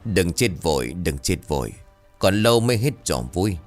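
A man's voice: sits low, sing-song, normal speed, faint music behind. A man voicing a cruel old village elder who gloats and snarls menacingly. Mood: gloating hush. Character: vicious old village elder working a curse.

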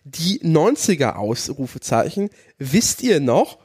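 High, animated man chatting. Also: takes it slowly, husky. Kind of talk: casual chat.

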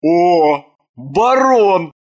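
A woman voicing a hot-tempered young king in an audiobook, with a loud, blunt way of talking. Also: sits low, big pitch swings, full character voice. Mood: surprised. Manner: loud, blunt, quick to anger. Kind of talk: audiobook character voice.

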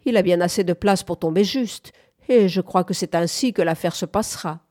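Woman doing a polite young soldier, soft and gentle. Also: lowish voice, moderate pace, lightly acted. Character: courteous young soldier on leave.

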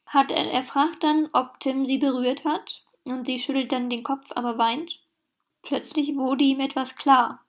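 High-pitched woman reading a text out loud, says the punctuation, keeps cutting in with snarky comments. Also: steady tone, measured pace. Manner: dry sarcastic asides, reads punctuation aloud. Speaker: reader of a fan text. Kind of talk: mocking read-aloud with commentary.

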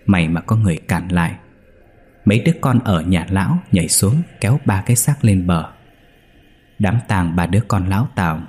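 A man narrating a ghost story in a slow, measured way. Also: low voice, a little mellow, husky.

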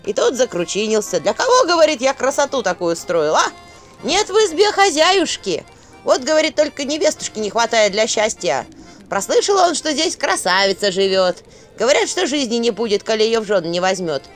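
A woman voicing a brash, lively village matchmaker aunt who praises loudly in a drawn-out, sing-song way. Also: fairly high pitch, soft background music, pitched above the performer's own voice. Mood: boastful.

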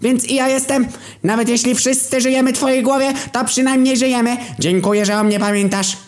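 A man putting on a high, strained, unhinged friend. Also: a little fast. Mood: cryptic. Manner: flat and matter-of-fact, even about violence. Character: cynical, unhinged male friend with angel blood. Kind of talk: storytelling.

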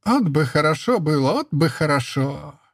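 A man's voice: a little high, animated, moderate pace, no room sound, studio quality, pitched above the performer's own voice. A man voicing an old peasant woman, a furious mother-in-law who speaks with a lisp and rustic dialect. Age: older. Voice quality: lisping, village dialect speech.

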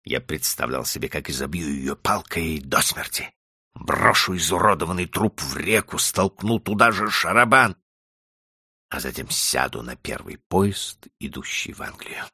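A man's voice: deep voice, animated, unhurried, bright, forceful tone, slightly rough, no echo, studio quality. A man narrating an audiobook in the first person, with dramatic storytelling. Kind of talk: scripted narration.

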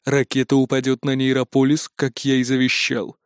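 Brief: man playing a burnt-out AI, drawn-out and cold, dry close read. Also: monotone, smooth, dry recording, natural voice. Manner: slow, low and tired. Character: weary disillusioned male AI, cold and resigned.

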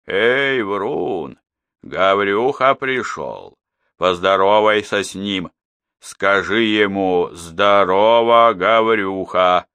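A man reading the part of a hearty, proud old woodsman who hollers long drawn-out calls. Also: fairly low pitch, fairly bright tone, clean tone. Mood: hollering.

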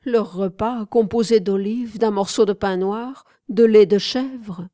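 A woman's voice: medium pitch, measured pace, warm tone, no room sound, studio quality, voice pushed up, natural voice. A woman voicing a self-assured society fortune-teller who declares her opinions, in an audiobook reading. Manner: declaring, authoritative.

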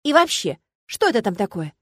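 A woman voicing a feisty young student heroine in an audiobook, talking loud and emphatic. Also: medium pitch, big pitch swings, a little fast, no echo, clean studio sound. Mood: indignant.

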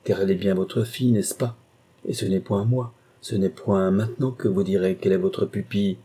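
Male reader doing an anguished young governess in love, husky, raised pitch, audiobook. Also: fairly even intonation, moderate pace, warm tone. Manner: impassioned, pleading. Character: passionate young woman governess torn by love. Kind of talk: audiobook dialogue reading.

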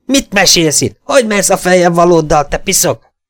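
A man's voice: medium pitch, animated, darkish tone, no room sound, voice pushed up, close to an everyday voice. A man voicing a brutal, hot-tempered male corporal who blusters angrily. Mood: outraged. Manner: angry, blustering.

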